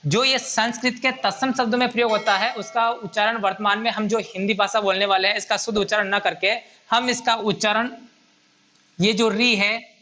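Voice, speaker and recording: A man's voice: high voice, steady tone, moderate pace, sharp tone. A man teaching a grammar lesson at a whiteboard, patiently repeating and counting items aloud.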